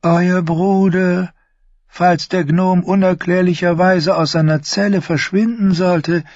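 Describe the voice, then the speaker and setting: A man voicing a fussy, nervous eunuch spymaster in a high, breathy voice in an audiobook. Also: fairly even intonation, slow, darkish tone, no room sound, dull audio. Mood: simpering. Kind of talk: audiobook character voice.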